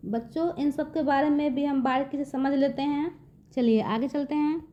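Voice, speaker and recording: A woman's voice: sits high, fairly even intonation, normal speed, dark tone. A woman teacher patiently explaining to children, repeating herself and guiding them step by step. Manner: patient, repeats "देखिए बच्चों" often. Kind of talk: slow classroom explanation to children. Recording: dull lo-fi recording.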